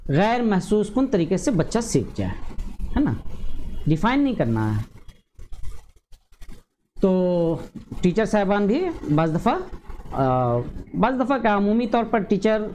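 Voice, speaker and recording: A male teacher explaining a grammar lesson to teachers and parents, measured, with frequent drawn-out hesitations and slow repeated word pairs. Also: high voice, big pitch swings, a little mellow, a little hiss or hum.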